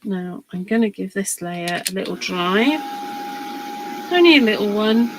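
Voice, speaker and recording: A woman's voice: mid-range voice, lively intonation, slight background noise, poor audio. A woman chatting to viewers in a live crafting demonstration, talking as she works. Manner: chatty and unhurried, talks while working.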